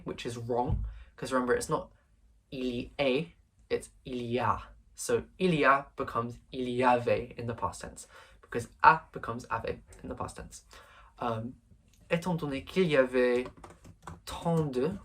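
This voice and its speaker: Walking through an exam paper on screen, a young man from England, a language tutor in his late teens, thinks aloud and hesitates frequently with fillers. His medium-pitched voice is a bit bright and moves at a moderate pace.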